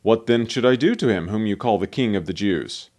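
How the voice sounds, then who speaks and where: A man reading the part of a stern Roman governor who questions his prisoner and the crowd, in a measured way. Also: on the low side, expressive, darkish tone. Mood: questioning.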